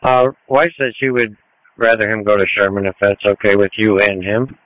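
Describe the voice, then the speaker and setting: A man's voice: fairly low pitch, little pitch movement, normal speed, no room sound. A male ambulance crew member giving status reports and messages over a two-way radio. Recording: dry, slightly muffled radio audio.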